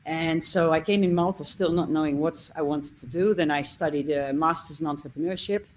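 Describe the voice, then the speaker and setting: A woman's voice: sits low, brisk, a little hiss or hum, poor audio. A middle-aged woman from the Netherlands, a coach speaking as a podcast guest and telling her story in an earnest, conversational way. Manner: earnest, listing experiences with small restarts.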